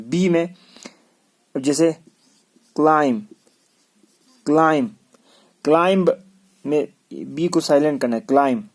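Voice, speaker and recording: Male teacher, unhurried and drilling, spells each word out letter by letter, mid-pitched voice. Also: dark tone. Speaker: English teacher. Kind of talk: classroom lesson.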